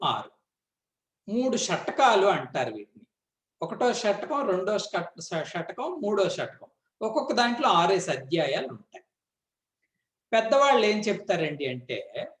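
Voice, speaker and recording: A man's voice: high-pitched, a bit bright. A man giving a spiritual discourse on scripture, telling stories and acting out the dialogue between a guru and his student. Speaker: spiritual teacher. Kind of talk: Gita discourse. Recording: echoey hall.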